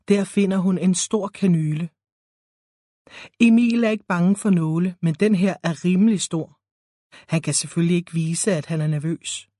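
A woman reading a story aloud in a calm, even narrating voice. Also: lowish voice, dry recording, clean studio sound. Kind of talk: scripted narration.

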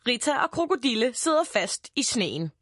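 A woman reading a children's storybook aloud in a lively, sing-song way, with a fairly high voice that rises and falls a lot. The recording is close and dry. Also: no echo. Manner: animated, expressive. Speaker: narrator.

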